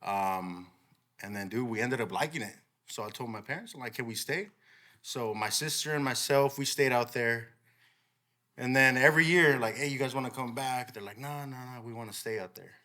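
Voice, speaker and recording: His mid-range voice is bright and forceful, moving at a moderate pace, as this young Californian guest musician, partly raised in El Salvador, talks on a casual podcast. Easygoing and quick to laugh, he keeps dropping "bro."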